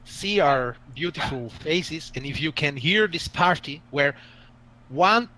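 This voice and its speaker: A fairly high, bright, forceful voice with lively intonation and a slow pace belongs to an Italian man game-mastering a tabletop stream. He hesitates a lot and uses many filler sounds, and the low-quality recording has slight background noise.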